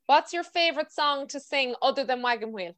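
A woman's voice: high-pitched, animated, a little fast, fairly bright tone. A woman with a west of Ireland, County Mayo accent, hosting a casual, chatty podcast interview over a video call. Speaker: podcast host.

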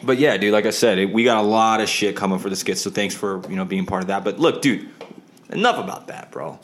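A man's voice: on the low side, brisk, slight background noise. Rambling, swearing podcaster in his twenties. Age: 20s. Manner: rambling, swears a lot, repeats "like I said". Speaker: podcast co-host. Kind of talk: casual podcast chat.

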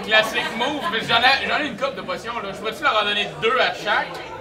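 A man's voice: very high-pitched, fast talker. A man with a Quebec French accent, a player in a live tabletop game, joking and giggling as he talks. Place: large hall before a live audience. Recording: distant, echoey hall with crowd.

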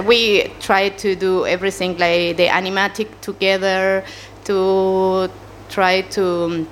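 A woman's voice: lowish voice, slight background noise. A woman from Chile with a Chilean Spanish accent, speaking English as a second language, answering interview questions hesitantly with many fillers. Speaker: animator, interview guest.

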